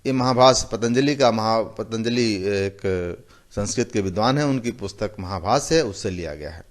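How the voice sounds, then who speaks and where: A male teacher giving a slow, methodical lecture, repeating each term and explaining it with simple examples. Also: lowish voice. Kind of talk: recorded classroom lecture.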